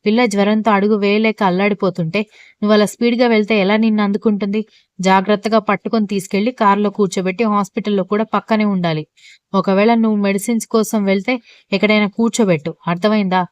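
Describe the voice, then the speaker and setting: A woman's voice: medium pitch, steady tone, fast, clear, resonant tone, no room sound, natural voice. A woman doing a bossy, caring mother-in-law. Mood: scolding. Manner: firm, scolding and insistent.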